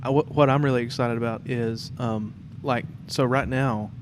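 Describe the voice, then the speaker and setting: This podcast host has a mid-range voice with a steady tone and speaks at a normal speed. He leads a relaxed, conversational interview from a makeshift studio in a theatre, with background noise and room ambience audible.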